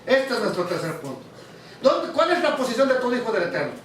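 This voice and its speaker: A man's voice: very high voice, sing-song, fast, fairly bright tone, slight background noise. A man teaching a sermon to a congregation, often asking the audience questions. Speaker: preacher. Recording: very echoey hall, mic far off.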